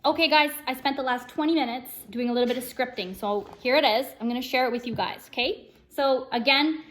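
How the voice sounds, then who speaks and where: A woman with a high, slightly quick and fairly bright voice talks to her viewers as a chatty, earnest self-help vlogger. It's an upbeat personal vlog, and at times she reads from a script she wrote herself.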